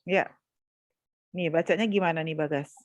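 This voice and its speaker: A woman's voice: low voice, fairly even intonation, normal speed, no room sound. A woman university lecturer teaching statistics over a video call, calling on students by name and patiently prompting them to answer.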